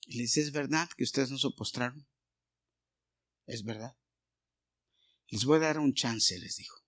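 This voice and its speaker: A middle-aged man with a Mexican Spanish accent preaching a sermon, retelling a Bible story, going from hushed asides to loud bursts. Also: medium pitch. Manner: storytelling with many pauses, swings from hushed to loud.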